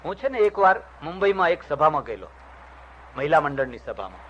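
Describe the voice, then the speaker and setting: Older swami telling stories. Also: male voice, fairly high pitch, very animated, brisk, fairly bright tone, slight background noise. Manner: acts out dialogue in the stories, shifting voice for each character. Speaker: swami giving a religious discourse. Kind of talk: storytelling sermon. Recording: dull lo-fi recording.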